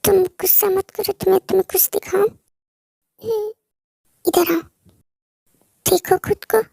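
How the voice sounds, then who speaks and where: A high-voiced performer playing a gentle, caring young man who talks softly and reassuringly in a fan-dubbed romance drama. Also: flat delivery, measured pace, vocal fry, no echo, heavily acted. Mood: soothing. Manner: soft reassuring talk.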